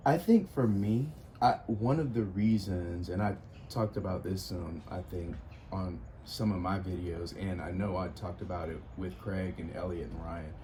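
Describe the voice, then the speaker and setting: A man's voice: sits low, normal speed, dark tone, a little hiss or hum. A man hosting a casual porch conversation, speaking earnestly and reflectively with occasional laughs. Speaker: podcast host.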